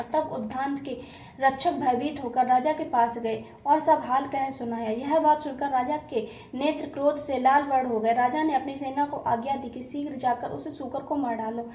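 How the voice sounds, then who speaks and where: Woman reading a religious story out loud, high mellow voice, trips over words a lot, echoey room. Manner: halting reading with frequent stumbles and restarts. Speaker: reader of a devotional story. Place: home room during a puja. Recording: echoey room, faint background noise.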